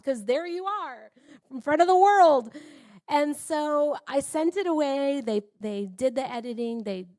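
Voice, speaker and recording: At a women's church gathering, a woman gives an earnest personal testimony, telling her story conversationally and swinging between hushed and excited. Her voice is medium-pitched, captured in a dry, studio-quality recording.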